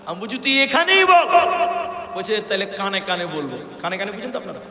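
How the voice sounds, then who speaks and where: Animated preacher with a bright, echoing voice. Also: male voice, high voice, rapid-fire, creaky. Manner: storytelling, acting out dialogue, rising to shouts. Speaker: Islamic preacher. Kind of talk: sermon at a religious gathering. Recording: echoey hall reverb, faint hum.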